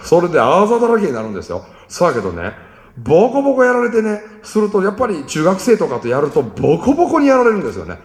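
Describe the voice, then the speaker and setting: A man's voice: high-pitched, quick pace. A man with a Kansai accent telling a story about raising his children, acting out the lines of his family. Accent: Kansai Japanese. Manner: animated, acts out family dialogue. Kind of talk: storytelling talk. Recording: echoey hall with long reverb.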